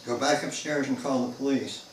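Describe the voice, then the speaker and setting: A man reading a novel aloud, voicing a paranoid, frightened middle-aged man who hisses and shouts warnings. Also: medium pitch, steady tone, brisk, voice pushed up, natural voice. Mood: guarded. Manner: urgent, hissing and shouting. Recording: echoey room, mic far off.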